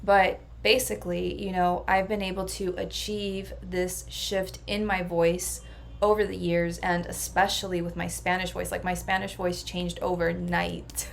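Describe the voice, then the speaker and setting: A woman's voice: fairly low pitch, level tone, measured pace, creaky, slight background noise. Earnest woman coach, level voice. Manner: earnest and reflective, level delivery. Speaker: personal transformation coach. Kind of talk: casual vlog monologue.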